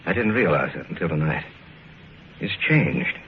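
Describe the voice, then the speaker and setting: A man's voice: sits low, big pitch swings, normal speed, a little hiss or hum. A man playing a grave, earnest young man who narrates and acts in an old radio horror drama. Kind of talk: 1940s-50s radio drama narration and acting. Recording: tinny old radio recording, music underneath.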